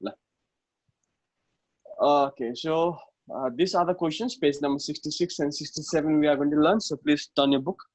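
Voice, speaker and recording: A man with a Nepali accent, fairly high-pitched and a little mellow, teaches a math lesson online at a moderate pace with frequent pauses. He explains informally, code-switching, repeating himself and checking in with short tags. The online class audio is dull and lo-fi, with no echo.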